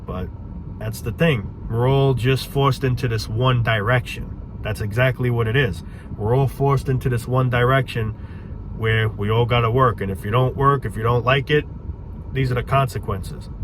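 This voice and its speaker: A man's voice: mid-range voice, fairly even intonation, normal speed, noisy background. A man ranting casually and profanely to his viewers, frustrated and rambling. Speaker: vlogger.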